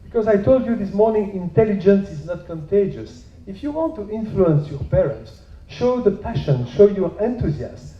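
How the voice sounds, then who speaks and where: A man's voice: high voice, expressive, moderate pace, few pauses. A man speaking as an expert panelist, stressing and repeating his key points. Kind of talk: panel discussion. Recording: echoey room, dull lo-fi sound.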